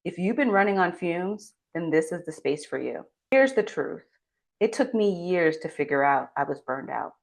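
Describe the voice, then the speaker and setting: A woman's voice: on the low side, animated, normal speed, vocal fry. A woman giving a scripted motivational talk as a well-being coach, speaking earnestly and supportively straight to the listener. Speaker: well-being coach and doctor hosting a channel.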